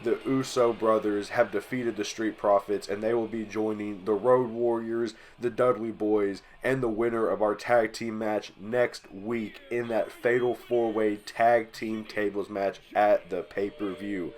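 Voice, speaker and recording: A man's voice: fairly low pitch, steady tone, measured pace, few pauses, slight background noise. Stuffy-voiced man calling wrestling play-by-play. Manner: hype play-by-play caller, rising loud on big moves. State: stuffy nose from allergies. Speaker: channel host. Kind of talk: play-by-play commentary over a wrestling video game.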